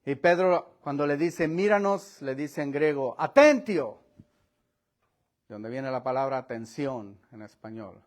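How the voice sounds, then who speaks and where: A man's voice: fairly even intonation, unhurried. A man preaching a sermon, calling his listeners brother and acting out the voices in the story. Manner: preaching with dramatic shifts in pitch and volume, acting out voices; laughs between points, addresses listeners as brother. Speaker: pastor. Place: church.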